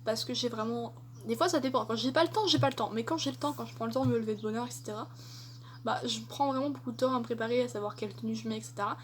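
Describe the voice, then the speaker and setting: This young adult vlogger races through tag questions very fast, chatty yet hesitant and heavy on fillers. Her pitch is fairly high, and a little hiss or hum runs through the audio.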